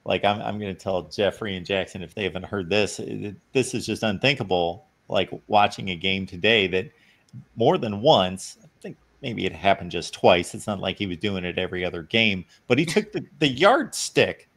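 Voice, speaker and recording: Male co-host, low voice, lively storyteller in casual sports talk. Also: normal speed. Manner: animated storyteller, jumps up in pitch when quoting.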